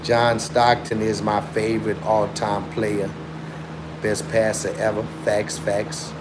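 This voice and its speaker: A young man, born in Chicago and raised in South Africa, hosts a casual live stream amid background noise. His lowish voice is flat and slow, yet he argues his point emphatically, with repetitive, slangy phrasing.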